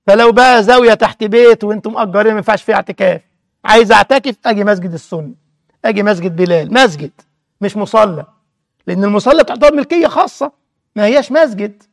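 A man's voice: high-pitched, creaky, dry recording, studio quality. A man with an Egyptian Arabic accent teaching a religious lesson, who keeps quizzing his listeners with rhetorical check questions.

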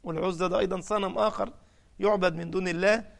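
A man's voice: high voice, steady tone, quick pace, creaky. A man with an Egyptian Arabic accent preaching a sermon, telling the story dramatically and putting sudden force on key phrases. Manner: dramatic storytelling, raising the voice for quoted cries.

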